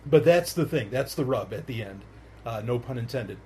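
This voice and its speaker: A man's voice: mid-range voice, expressive, normal speed, a little mellow, a little hiss or hum. A man hosting a podcast in casual chat, rambling with many fillers and restarts and laughing often. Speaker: podcast host.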